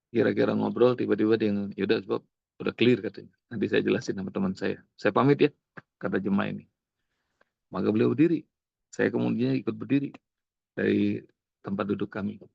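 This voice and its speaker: A man's voice: on the low side, gravelly, slightly rough, no echo. Man, preacher, storytelling sermon, dull lo-fi recording. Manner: animated storytelling, acting out dialogue.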